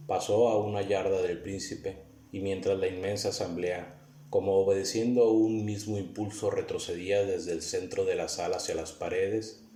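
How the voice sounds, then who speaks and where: A man narrates a gothic tale for an audiobook in a solemn, measured way. His voice sits very low. The recording is roomy, with a faint hiss underneath. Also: warm tone.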